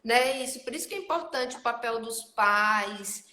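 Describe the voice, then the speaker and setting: A woman's voice: on the high side, lively intonation, moderate pace, pushed and bright, a little hiss or hum. A woman hosting a live talk for mothers, speaking animatedly and directly to her audience. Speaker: otolaryngologist host. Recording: roomy echo.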